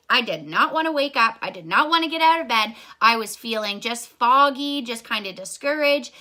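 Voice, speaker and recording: A woman's voice: fairly high pitch, bright, forceful tone. A young woman giving an earnest, encouraging motivational talk on a live video, speaking straight to her viewers and a little out of breath. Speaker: online business coach.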